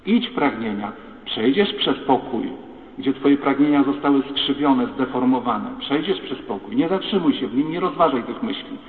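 Preaching priest in an echoing hall. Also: male voice, mid-range voice, expressive, moderate pace, recorded from a distance. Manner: rhetorical, addresses the congregation directly. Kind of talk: sermon. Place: large church. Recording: echoey church hall, tinny phone-like sound.

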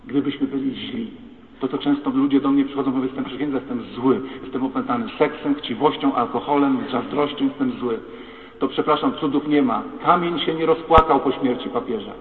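Preaching priest in an echoing hall. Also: male voice, medium pitch, far from the mic. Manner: rhetorical, addresses the congregation directly. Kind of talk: sermon. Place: large church. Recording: echoey church hall, tinny phone-like sound.

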